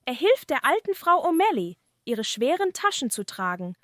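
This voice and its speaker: A woman's voice: high voice, very animated, moderate pace, fairly bright tone, no echo, studio quality. A woman voicing a tiny, proud, kindly male leprechaun shoemaker with an earnest, courteous manner in a fireside story.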